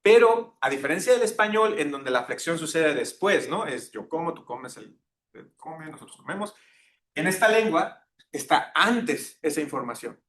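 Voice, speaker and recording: A man's voice: animated, normal speed, fairly bright tone. Man lecturing in an echoey classroom. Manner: engaging, keeps checking in with tag questions. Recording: echoey classroom with faint rumble.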